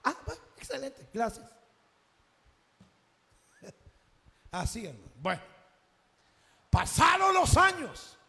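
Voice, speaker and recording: A Salvadoran man preaching a sermon, telling a personal story and acting out its conversations, now and then rising to a shout. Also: extremely high pitch, sing-song, takes it slowly, gravelly, pauses often, big-room sound.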